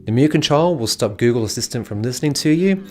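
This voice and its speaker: A man's voice: medium pitch, lively intonation, quick pace, darkish tone. A man narrating a casual product review as a video host. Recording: music playing behind the voice.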